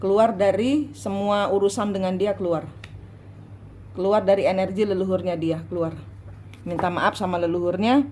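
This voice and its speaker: A woman giving a private tarot reading, coaching her client slowly and repeating her instructions. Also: medium pitch, steady tone, dark tone, a little hiss or hum. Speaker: tarot reader.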